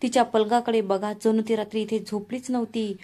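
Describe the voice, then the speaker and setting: A woman's voice: a little high, fairly even intonation, a little fast, mellow, natural voice. A woman voicing a frantic middle-aged mother, pleading tearfully in a storybook reading. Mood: distraught.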